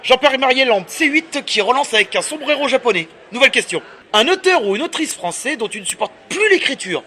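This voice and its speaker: A man hosting a book channel, firing off quick playful interview questions with a joking manner. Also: extremely high pitch, lively intonation, bright, forceful tone.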